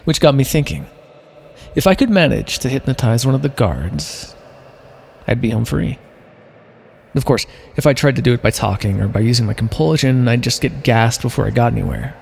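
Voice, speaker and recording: In an ASMR roleplay, a man plays an imprisoned minor supervillain with mind-control powers, a chatty, smug schemer who addresses the listener directly in a theatrical, rambling way. His mid-range voice is animated and a little mellow, with vocal fry, a wry and scheming mood, normal speed, and slight background noise.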